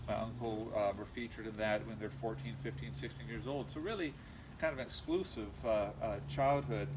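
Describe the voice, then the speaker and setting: A middle-aged man from California with an American accent, giving an informal eulogy in a halting, reminiscing way with frequent pauses. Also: mid-range voice. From California, USA. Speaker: eulogist, nephew of the deceased. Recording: noisy amateur recording, steady background noise.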